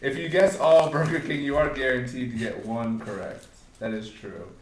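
A man's voice: medium pitch, fairly even intonation, normal speed, crowd noise. A man hosting a podcast taste test, with playful game-show patter and chuckles. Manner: jokey, announcer-style patter with chuckles. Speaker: podcast host running a blind taste test. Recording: roomy echo.

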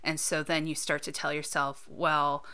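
Woman in her thirties, podcast co-host, casual and reflective, low-ish and crisp. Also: level tone, normal speed, bright, forceful tone. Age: 30s. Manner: reflective, talks things through with many "you know"s. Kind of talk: casual conversational chat.

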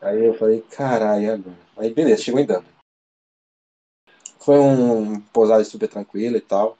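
A man from Brazil talks as an interview guest, his voice mellow and relaxed in tone. He tells his story casually and loosely, with plenty of slang, fillers and false starts. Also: on the low side, moderate pace, muffled recording. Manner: slangy, rambling, full of fillers and restarts. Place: living abroad in Ireland.

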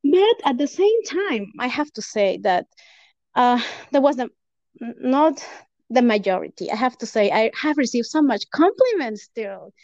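High-voiced woman. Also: very animated, normal speed, no echo. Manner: earnest, warm-hearted, laughs between phrases. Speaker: podcast guest. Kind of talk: casual chat. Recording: dull, dry lo-fi recording.

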